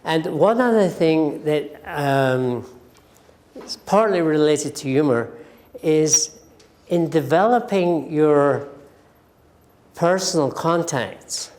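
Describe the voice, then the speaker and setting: Older man, scottish accent, lecturer, very slow delivery, acts out sample phrases. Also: on the high side, lively intonation, darkish tone. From Scotland. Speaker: lecturer on medical communication.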